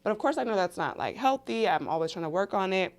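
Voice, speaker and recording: A woman with a mid-range voice co-hosts a relaxed conversation. She speaks openly and in a lively way, and laughter slips easily into her talk. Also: medium pitch, quick pace. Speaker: podcast co-host. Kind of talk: casual conversation.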